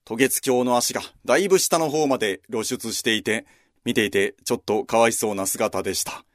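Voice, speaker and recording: A man's voice: mid-range voice, a little fast, no echo, studio quality. A man hosting a history program, narrating a walking route in a scripted but conversational way with casual asides. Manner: lively, conversational storytelling with asides.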